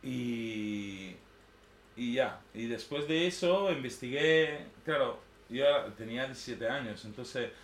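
An artist in his thirties, native to northern Italy and speaking with an Italian accent, talks slowly in a medium-pitched voice with lively intonation. His informal, unscripted personal talk is hesitant and rambling, often checking that listeners agree. Echo fills the room, with a faint layer of background noise.

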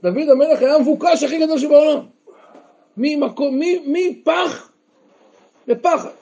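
A man's voice: very high voice, vocal fry, mellow. A rabbi teaching a Torah lesson to a group, often asking questions and answering them himself, at times raising his voice with emphasis. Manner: breaks into emphatic raised outbursts. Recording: dull lo-fi recording.

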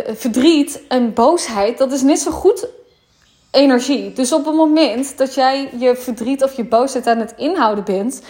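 Woman coach, slightly high voice, frank casual monologue, drops English slang. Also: darkish tone.

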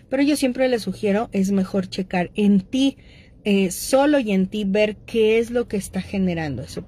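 A middle-aged Mexican woman with a fairly high voice hosts a casual talk. She speaks straight to her listeners in a conversational way, with frequent fillers. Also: a little mellow. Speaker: host speaking on addictions.

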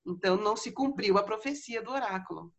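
A woman's voice: mid-range voice, fast talker, dull audio, voice pushed down, natural voice. A woman voicing a dismissive queen who scoffs at oracles.

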